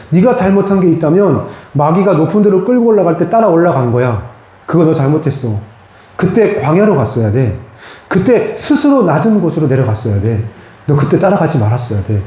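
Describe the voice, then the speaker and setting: A man's voice: on the high side, warm tone. A man preaching a sermon as pastor, earnest and direct, speaking plainly to his congregation. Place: church sanctuary. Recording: very echoey church hall.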